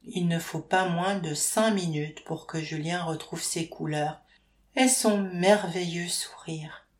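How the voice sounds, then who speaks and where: A woman narrating an audiobook in a steady, even storytelling manner. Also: on the low side, slow. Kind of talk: scripted narration. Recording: roomy echo.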